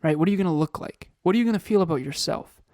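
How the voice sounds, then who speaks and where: Speaking rapid-fire in a slightly high, darkish voice, a thirty-something man co-hosts a motivational podcast with plenty of energy, repeated phrases and rhetorical questions. The audio is clean studio sound without echo.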